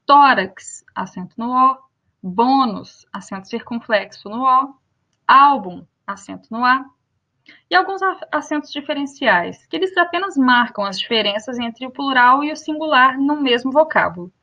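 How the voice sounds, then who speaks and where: A young woman with a Brazilian Portuguese accent teaching a grammar lesson, repeating each example word slowly and clearly. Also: high voice, lively intonation, sharp tone, highs cut off.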